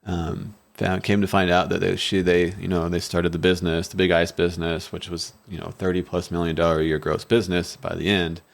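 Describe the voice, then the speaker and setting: A man in his thirties with a low, deep voice talks through his past in a loose, rambling way, often restarting his sentences. He sits at a boom-arm studio mic in a small podcast room. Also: flat delivery, a little fast, creaky, hardly any pauses. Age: 30s. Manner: rambling, candid storytelling with frequent restarts. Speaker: guest, bike shop owner. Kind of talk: casual interview talk. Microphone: studio mic on boom arm, headphones.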